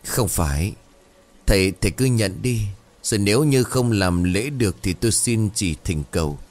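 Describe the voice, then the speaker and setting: A man voicing a desperate middle-aged village chief and worried father, in a deep, earnest, pleading tone. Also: lively intonation, normal speed, a little mellow, close to an everyday voice.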